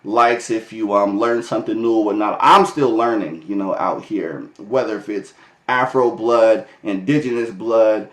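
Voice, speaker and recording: An American vlogger talks casually to his viewers, loose and conversational, with many fillers and restarts and frequent laughs. His voice is on the low side and fairly bright, at a moderate pace, in an echoey room.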